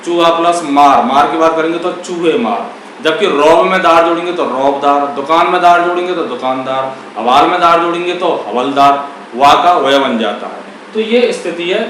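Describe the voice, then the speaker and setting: A man's voice: a little high, normal speed, a bit bright, slight background noise. A man teaching Hindi grammar, explaining it like a lesson and asking and answering his own questions. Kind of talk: classroom-style explanation. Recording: very echoey room, voice far from mic.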